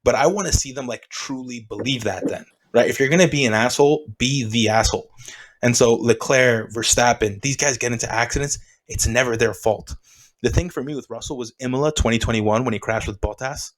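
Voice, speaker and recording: A man co-hosts a casual sports podcast in a mid-range voice. He argues his points with animated conviction and calls his friend "dude." The talk is loose and conversational. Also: mid-range voice, fairly quick, low-quality recording. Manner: opinionated, animated, says "dude". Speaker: podcast co-host.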